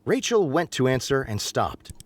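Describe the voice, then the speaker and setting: Male narrator reading a text game, animated pitch, dry booth. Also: moderate pace, no echo.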